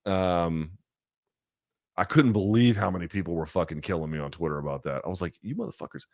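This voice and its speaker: In a dry, studio-quality recording, a middle-aged man speaks in a low-pitched voice at a slightly quick pace. He's hosting a live chat, working through viewer questions with blunt, profane, casual replies and animated asides.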